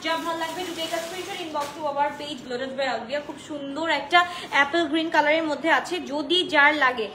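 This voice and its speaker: A woman from Bangladesh hosting a live dress sale from home, talking loudly and chattily, mixing English phrases into her talk and reading out viewer comments. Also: sits high, normal speed, reverberant, a little hiss or hum, rough recording. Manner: chatty, mixes English into Bengali, addresses viewers as apu; talks loudly on purpose. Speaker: online dress seller. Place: indoors, home.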